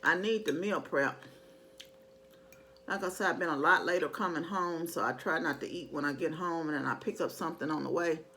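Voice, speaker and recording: A woman's voice: low voice, brisk, bright, forceful tone, a little hiss or hum. A middle-aged woman in casual, rambling chat to her viewers, conversational and emphatic when she makes a point. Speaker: mukbang vlogger.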